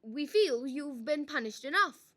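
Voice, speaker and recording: A woman as a grumpy, high-voiced gullible village man. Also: lively intonation, a little slow, pushed and bright, full character voice. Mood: weary pleading. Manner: snappish, emphatic. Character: gullible, grumpy male villager, indignant and blustering. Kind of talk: acted storybook dialogue.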